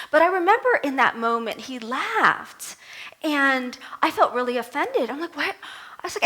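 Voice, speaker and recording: A middle-aged Vietnamese woman, a native speaker and reverend, gives a conversational sermon at a temple service. Her voice sits high, and she tells stories animatedly with self-deprecating humor.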